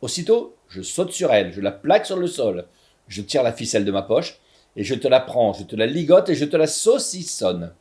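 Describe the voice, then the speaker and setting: A man narrating a story in an animated, theatrical reading. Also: mid-range voice, normal speed.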